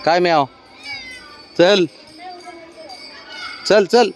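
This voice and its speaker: A man's voice: high-pitched, very slow, a little hiss or hum. A man coaxing his cat along in casual talk, calling out short words again and again. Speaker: cat owner vlogger.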